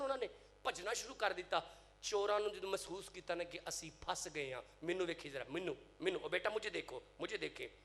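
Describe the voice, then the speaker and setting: Dramatic high-voiced Punjabi preacher. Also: male voice. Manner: dramatic, shifts from hushed telling to loud shouted climaxes. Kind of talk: Punjabi religious sermon with storytelling.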